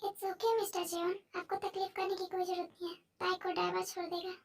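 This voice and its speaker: A woman voicing a calm, protective middle-aged father who talks in a soothing, polite way. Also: very high-pitched, fairly quick, vocal fry, distant mic.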